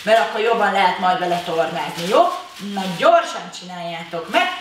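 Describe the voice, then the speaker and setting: A woman teaching a children's exercise class, talking to the kids in a lively way and calling out commands. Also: fairly low pitch. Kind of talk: leading a kids' workout video. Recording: very echoey room, voice from a distance, faint noise.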